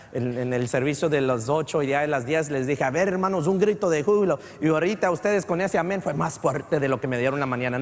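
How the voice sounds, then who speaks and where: A man, preaching a sermon as pastor, often rising to shouts and mixing in English words. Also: a little high. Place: church sanctuary. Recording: church hall with long reverb.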